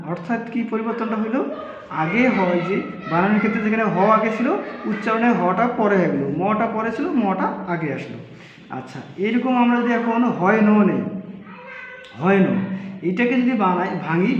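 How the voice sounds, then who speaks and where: A man teaching a spelling and pronunciation lesson, explaining slowly, repeating phrases and pausing with fillers. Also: high voice. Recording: echoey room, slightly dull lo-fi sound.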